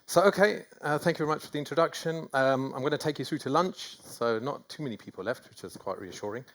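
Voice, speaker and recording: A man's voice: fairly high pitch, quick pace. A middle-aged man with a North London accent giving a conference talk, self-deprecating and rambling with many fillers and restarts. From England. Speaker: conference speaker. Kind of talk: conference presentation. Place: conference hall.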